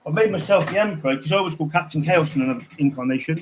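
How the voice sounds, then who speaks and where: A man's voice: on the high side, racing, slight background noise, low-quality recording. A man chatting casually on a livestream, telling rambling, digressive stories.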